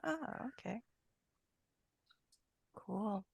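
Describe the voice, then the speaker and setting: A woman running a video-call workshop whose voice is going hoarse and gravelly. She keeps nudging the group to speak up. The sound is dry and close. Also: medium pitch, lively intonation, drawn-out words, darkish tone, no echo. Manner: encouraging, coaxing questions from the group. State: losing her voice. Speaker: workshop host.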